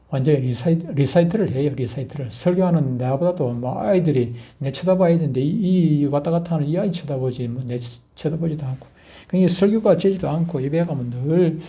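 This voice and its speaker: Middle-aged pastor man, sermon storytelling, kinda high, mellow tone. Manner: animated storytelling, acting out scenes with loud outbursts.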